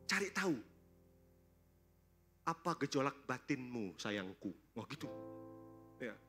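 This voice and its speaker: A man preaching a sermon at a church service, lively and joking, constantly throwing questions at the congregation. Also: medium pitch, slow pace, soft background music. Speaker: pastor.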